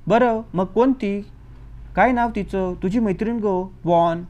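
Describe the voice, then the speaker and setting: A man reading an audiobook who voices a snappish middle-aged aunt in a higher, louder, scolding tone. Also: brisk, natural voice. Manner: scolding, exasperated.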